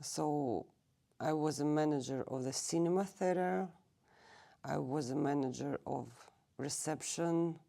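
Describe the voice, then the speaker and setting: A native Russian speaker in her thirties, from Russia, gives a recorded oral history interview in a public library. She speaks slowly in a low, mellow, gravelly voice, often pausing halting to search for the right English word.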